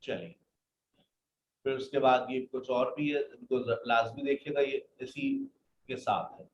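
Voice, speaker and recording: Animated yet unhurried, a man with a mid-range voice teaches English online, patiently reading out word lists and calling his students "beta". His computer mic in the live video class gives roomy, dull audio with a faint hiss or hum.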